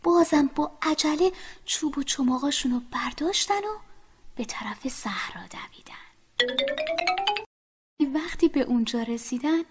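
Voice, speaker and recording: A woman telling a children's story, speaking to the children and often dropping to a soft whisper. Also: high-pitched, lively intonation, long pauses, soft background music.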